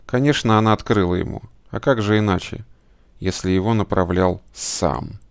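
A man reading a dark story aloud in measured scripted narration. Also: low voice, steady tone, vocal fry, no echo, clean studio sound. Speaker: audiobook narrator.

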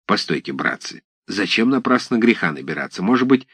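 A man plays a fussy village clerk, talking slowly and carefully in halting, persuasive phrases. The voice sits close to the reader's own, dry and near the mic. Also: fairly low pitch, very animated, a bit bright, slightly rough, no echo, full character voice. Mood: cautious.

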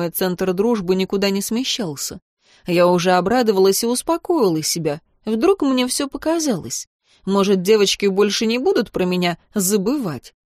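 A woman narrating a first-person audiobook in a lively, expressive way. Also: mid-range voice, dry recording. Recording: dry close recording.

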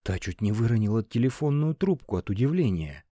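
A man narrating an audiobook, telling the story in an expressive, storytelling way. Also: fairly low pitch, fairly quick, no echo, studio quality. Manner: expressive storytelling with lively intonation.

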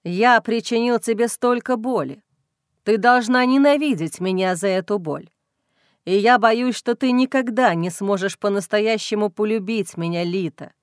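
A woman voicing a young male werewolf alpha, intense and tender, in a lowered, hushed voice for an audiobook. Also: moderate pace, clear, resonant tone, no room sound, studio quality, lightly acted. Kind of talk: audiobook reading.

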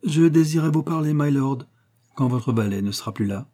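A man's voice: mid-range voice, animated, moderate pace, dark tone, pitched above the performer's own voice, close to an everyday voice. A man reading an audiobook voicing a proud, determined middle-aged widow who speaks stiffly and insistently.

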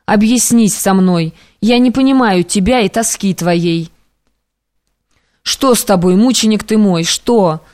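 A woman's voice: mid-range voice, a little slow, darkish tone, no echo, studio quality, natural voice. A woman voicing a devoted young male friend who speaks urgently and beseechingly, in an audiobook. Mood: worried.

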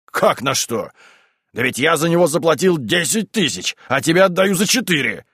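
A man voicing a boisterous, rude male landowner who shouts and bullies in an audiobook reading. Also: fairly high pitch, very animated, moderate pace, husky, dry recording, clean studio sound, exaggerated voice. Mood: blustering. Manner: shouting, blustering, pushy.

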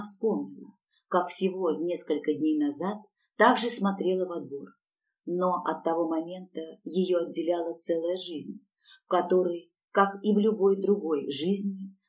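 A woman narrates an audiobook in a measured, even reading voice. Her voice sits low. The mic is placed at a distance, which leaves her sounding somewhat far off.

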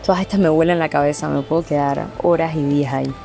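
A woman's voice: deep voice, fairly even intonation, fast, gravelly, warm tone, soft background music. A young Panamanian woman with a Panamanian Spanish accent, a band singer answering interview questions in a chatty way, with many "eh" fillers. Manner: chatty, lists things with frequent "eh" fillers.

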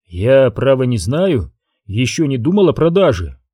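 A man's voice: medium pitch, sing-song, measured pace, dark tone, husky, no room sound, clean studio sound. A man reading an audiobook, voicing a hesitant, evasive homesteader. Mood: wary. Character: wary, evasive male homesteader.

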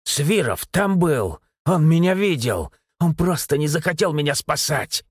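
A man's voice: fairly high pitch, sing-song, measured pace, breathy edge, dry recording, studio quality, pitched above the performer's own voice, heavily acted. A man voicing a bitter young man who lost his legs and feels betrayed by his parents. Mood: furious. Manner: bitter, shouting then quiet.

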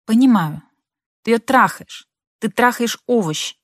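Wounded wife, shrill, accusing, read by a woman, dry close mic. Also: animated, a little slow, no room sound. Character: hurt, furious young wife.

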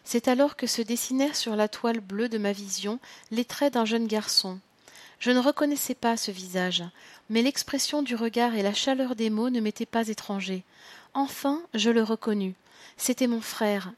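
A woman reading a first-person audiobook story in a measured, expressive way. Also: on the high side, no echo. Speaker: audiobook narrator.

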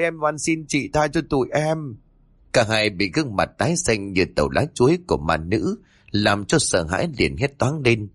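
Man telling a lively horror story. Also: fairly low pitch, no echo, clean studio sound. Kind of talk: scripted horror narration.

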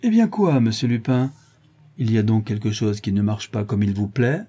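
A man's voice: lowish voice, lively intonation, normal speed, warm tone, husky. A man reading a sly, triumphant detective who taunts his rival. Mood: taunting. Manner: sneering, taunting.

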